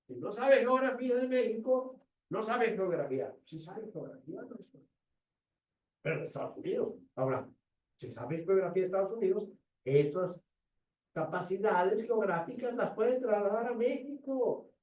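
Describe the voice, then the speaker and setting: Mexican guy lecturing at a conference, wry and lively, mic kinda far off in a big room. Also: sits high, normal speed. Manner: lively, wry, rhetorical questions. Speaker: guest lecturer. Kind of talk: academic conference talk. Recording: roomy, distant mic in a hall.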